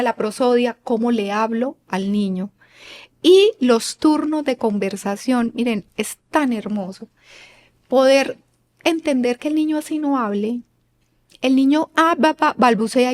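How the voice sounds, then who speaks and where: A woman, a guest expert on child rearing, explaining in an earnest, didactic way. She acts out parents and children, and she often checks in with rhetorical questions. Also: on the high side. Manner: asks listeners rhetorical questions. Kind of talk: explanatory interview talk.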